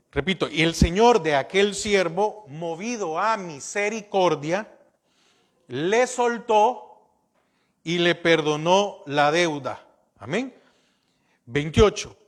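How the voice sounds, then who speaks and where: A pastor preaching a sermon, reading scripture slowly and deliberately, repeating verses and punctuating them with amen. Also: male voice, high voice.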